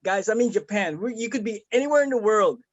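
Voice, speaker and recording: Fast and animated, a high-voiced man from the Philippines rambles earnestly through a testimonial on a casual video call, with plenty of fillers and restarts. The recording is muffled but free of echo.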